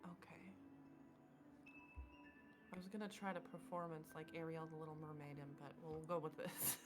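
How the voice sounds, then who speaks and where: Woman player, slightly low voice, chatty and playful, rambles. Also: steady tone, normal speed, over music. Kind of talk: casual tabletop play.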